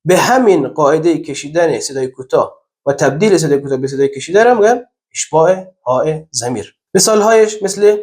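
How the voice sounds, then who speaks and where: A man teaching Quran reading in a recorded lesson, explaining step by step and slowly stretching out the example words he recites. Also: fairly high pitch, expressive, darkish tone.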